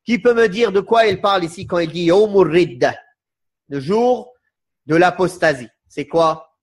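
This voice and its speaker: A man teaching a religious lesson, slowly and with emphasis, who repeats quotations and asks his listeners questions. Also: high-pitched, breathy edge. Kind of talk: religious lecture.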